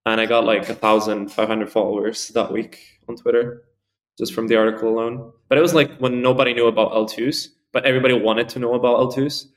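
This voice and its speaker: A man's voice: medium pitch, little pitch movement, brisk. Young man rambling full of fillers. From Spain. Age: early 20s. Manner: rambling, heavy use of "like" and fillers. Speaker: podcast guest. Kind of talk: casual interview answers.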